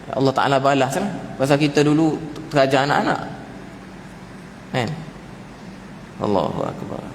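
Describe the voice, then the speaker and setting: A male preacher with a Malaysian Malay accent delivers a casual, animated mosque lecture. He keeps turning to his listeners and playfully mimics greetings in high-pitched voices. His voice rings through a reverberant hall with faint room ambience underneath. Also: moderate pace, slight background noise. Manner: repeatedly addresses audience as tuan-tuan.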